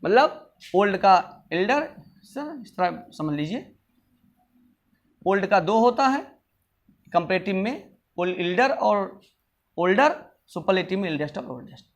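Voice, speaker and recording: A male teacher giving a classroom grammar lesson, repeating word forms slowly and drilling each point again and again. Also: high voice, sing-song.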